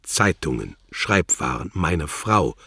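A guarded, sullen spy, voiced by a male audiobook reader. His low voice is husky and murmured. He sounds sulky and cautious. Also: sing-song, slow, fairly bright tone, dry recording, clean studio sound, exaggerated voice. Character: sullen, wary middle-aged male shopkeeper-spy. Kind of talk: audiobook character voice.

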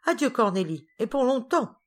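A woman voicing an impatient, fussy lady who talks high and loud in exclamations. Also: very animated, moderate pace.

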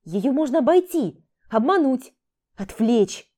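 A woman reader playing a jittery, bookish young man who is scared of heights, speaking in a grumbling, reluctant way. The voice sits in a mellow, middle range for this storybook hero. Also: sits high, sing-song, slow, voice pushed up, exaggerated voice. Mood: reluctant, nervous.

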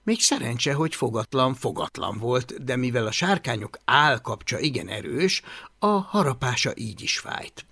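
A man narrating a children's adventure audiobook with an expressive, animated reading. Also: medium pitch, husky, no room sound. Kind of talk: storytelling narration.

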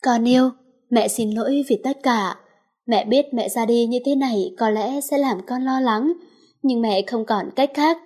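A middle-aged mother speaks a gentle, apologetic farewell to her child, as a woman narrator puts her on. The tone is soft and fairly high, close to the narration. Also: unhurried.

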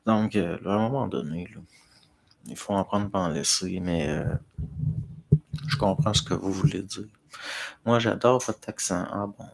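Gravelly Québécois man chatting. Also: sits low, measured pace, long pauses. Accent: Québécois French. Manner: hesitant, many fillers and restarts, talking to chat. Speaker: livestream host answering viewer comments. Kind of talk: casual rambling chat.

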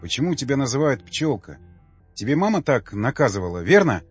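A man's voice: mid-range voice, big pitch swings, a little fast, husky, muffled recording, soft background music. A male narrator voicing an older male cosmonaut, an emotional father who pleads with a trembling voice. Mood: pleading.

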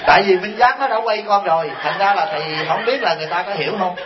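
A man's voice: high-pitched, fast talker, heavy background noise. A man, a Buddhist monk giving a folksy, joking dharma talk full of rhetorical questions. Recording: dull lo-fi recording.

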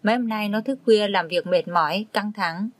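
Woman doing a gentle older mother-in-law. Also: medium pitch, moderate pace, no room sound, lightly acted. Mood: soothing. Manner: soothing, pleading.

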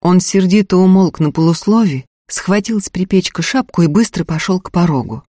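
A man narrating an audiobook in a measured storytelling voice. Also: high voice, expressive, warm tone, no echo, clean studio sound. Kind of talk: scripted narration.

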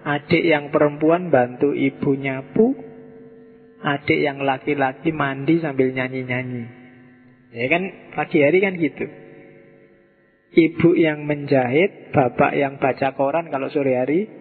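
A man's voice: fairly high pitch, steady tone, a little slow, slightly rough. Javanese-accented man lecturing in an echoey hall. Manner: casual, joking, rhetorical questions to the audience. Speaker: philosophy lecturer. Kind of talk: public philosophy lecture. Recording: echoey hall over a tinny lo-fi line.

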